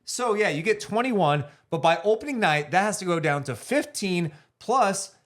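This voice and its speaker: A man co-hosting a casual basketball podcast, joking one moment and briskly running through roster details the next. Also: high voice, lively intonation, fairly bright tone. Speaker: podcast co-host. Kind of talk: casual sports chat.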